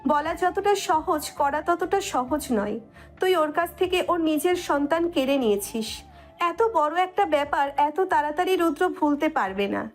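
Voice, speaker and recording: A woman's voice: sits high, lively intonation, unhurried, faint music behind. A woman playing a blunt, teasing young friend. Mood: advising. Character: frank young woman friend giving advice. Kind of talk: Bengali audio drama acting.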